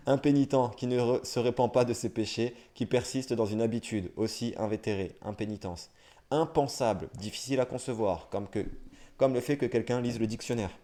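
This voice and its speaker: A young man streaming live, reading dictionary entries aloud at a brisk clip and breaking off for wry, self-mocking asides. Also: mid-range voice, mellow. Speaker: livestreamer.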